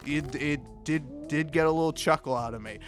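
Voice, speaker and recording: A video maker with a fairly high male voice rambles through an off-the-cuff comedic monologue at a moderate pace. He stammers, restarts words, swears, and pokes fun at himself while background music plays.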